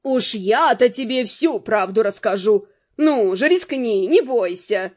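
A woman's voice: fairly high pitch, lively intonation, measured pace, a little mellow, voice pushed down. A woman reading an audiobook, voicing a bold and pushy southern fortune-teller who drawls a coaxing sales patter. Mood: sly.

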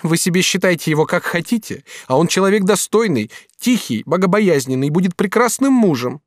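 A man's voice: sits high, animated, fairly quick, no echo, studio quality, voice pushed up. A man playing a proud, devoted young maidservant. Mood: teasing. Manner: emphatic, pleading, rising exclamations. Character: young woman servant, devoted, proud, quick-tempered. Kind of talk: audiobook character reading.

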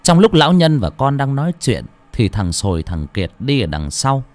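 A man narrating a story, with a dramatic, expressive reading. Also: mid-range voice, normal speed. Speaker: audiobook narrator.

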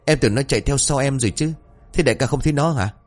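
A man voicing a jumpy young burglar who talks in hurried, anxious half-whispers. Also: medium pitch, faint music behind, voice pushed up, natural voice. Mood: panicky. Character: jumpy young male burglar, panicky sidekick.

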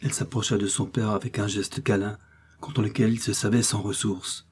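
A man reading a classic novel aloud as an audiobook, in a measured, literary narration. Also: on the low side, fairly even intonation, a little mellow, breathy edge. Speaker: audiobook reader. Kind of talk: scripted narration.

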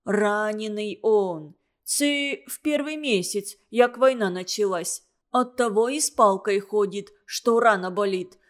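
A woman's voice: mid-range voice, measured pace, lightly acted. A woman voicing a stern but kind older caretaker in an audiobook, scolding in folksy speech with Ukrainian words. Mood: admonishing. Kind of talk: audiobook character voice.

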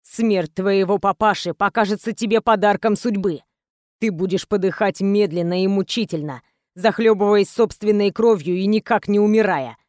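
A woman voicing a menacing, foul-mouthed male gangster in a low, threatening growl. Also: normal speed, a little mellow, no room sound, clean studio sound, lightly acted. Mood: furious threat.

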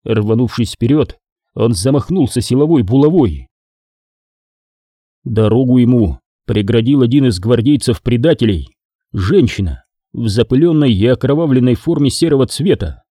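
A male narrator reads an action-heavy novel in a steady, measured way. His voice is dark and mellow, and it is recorded close and dry with no room sound. His pitch sits in the middle for a man. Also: dry recording. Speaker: audiobook narrator. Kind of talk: scripted narration of a sci-fi battle novel.

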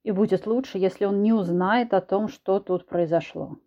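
A woman's voice: mid-range voice, moderate pace, dull audio, natural voice. A woman voicing a blunt, commanding man who was once a cat, in an audiobook. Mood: stern. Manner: curt, commanding.

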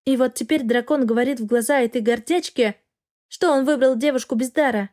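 A woman narrating a first-person fantasy novel with an expressive, wry inner voice. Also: high voice, brisk. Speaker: audiobook narrator.

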